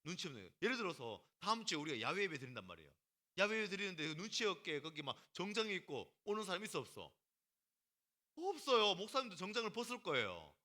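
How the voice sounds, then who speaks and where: A male pastor preaching a lively sermon to a youth group, teasing the students, calling on them by name and acting out what people say. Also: high voice, fast talker. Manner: animated, teasing, acts out quotes and calls on students by name.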